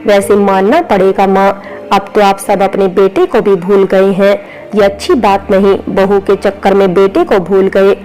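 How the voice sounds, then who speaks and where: A woman's voice: medium pitch, little pitch movement, measured pace, warm tone, natural voice, low-quality recording. A woman doing a teasing young husband.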